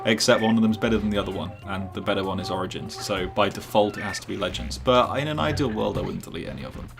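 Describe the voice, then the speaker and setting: A man streams a game live and drifts into rambling, joking chat with his viewers. His voice sits low with a gravelly rasp, and faint music plays behind him. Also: fast talker. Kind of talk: casual live gameplay commentary.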